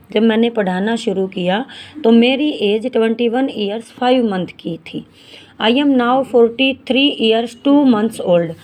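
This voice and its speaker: A woman in her forties teaching a maths lesson, reading English word problems slowly and explaining each step in Hindi, calling her students beta. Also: on the high side, a little mellow. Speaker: math teacher.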